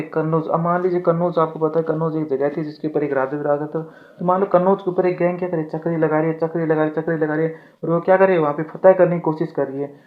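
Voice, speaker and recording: A man teaching exam mnemonics, often asking a question and answering it himself and repeating his lines. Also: fairly high pitch. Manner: repetitive, asks and answers his own questions. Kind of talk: exam-prep mnemonic lesson. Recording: tinny phone-like audio.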